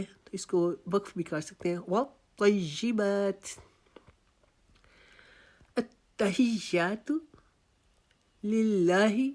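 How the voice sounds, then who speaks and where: A woman with a Pakistani Urdu accent teaching Quran recitation, patiently repeating words slowly and syllable by syllable. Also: on the low side, a little mellow. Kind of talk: tajweed lesson.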